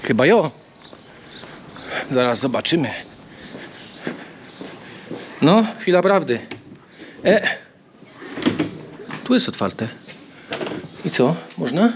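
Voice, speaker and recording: A man's voice: on the high side, sing-song, very slow, pauses often. Young guy chatting to his camera on a long walk, joking around, slight background noise. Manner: chatty, joking asides to viewers. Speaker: travel vlogger on a pilgrimage walk. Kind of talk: casual vlog talk to camera. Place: outdoors and inside a small church.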